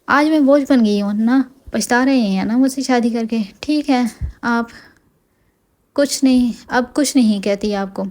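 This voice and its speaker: Woman reading young wife, emotional, pouty, playful, soft warm voice. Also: on the high side, natural voice. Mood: hurt. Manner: pouting, emotional. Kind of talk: audiobook dialogue reading.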